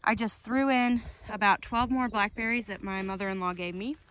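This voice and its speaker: A woman chatting casually to camera as a homesteading vlogger, informally explaining chores outdoors with a tractor rumbling behind. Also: fairly even intonation, normal speed, a bit bright, low-quality recording. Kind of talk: casual vlog chat to camera. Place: outdoors on a farm.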